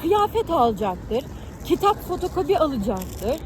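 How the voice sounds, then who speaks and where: A woman's voice: high voice, big pitch swings, moderate pace, a crowd in the background. A young woman from Ankara chatting casually and talkatively, explaining things with everyday examples like a student vlogger. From Ankara, Turkey. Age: young adult. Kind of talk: casual chat over a meal. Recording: noisy urban ambience with traffic.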